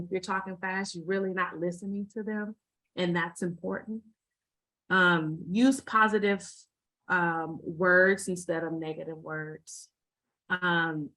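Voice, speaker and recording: A woman with a somewhat low voice talks through practical advice as a guest speaker on a video call. Her delivery is informal and halting, full of fillers and restarts, and she often repeats a phrase before moving on. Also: a bit bright, low-quality recording. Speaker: mental health first aid responder, guest speaker. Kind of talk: informal presentation to an online group.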